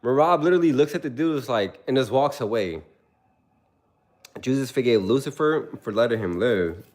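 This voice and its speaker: On a casual livestream, a young man animatedly tells stories and reads out viewer comments. He has a mid-range voice and speaks at a moderate pace.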